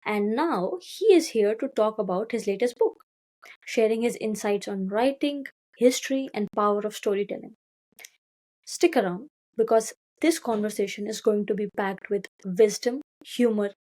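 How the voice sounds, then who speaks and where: A woman's voice: mid-range voice, mellow, low-quality recording. A woman hosting a podcast, reading an upbeat scripted introduction and then asking her guest questions. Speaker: podcast host.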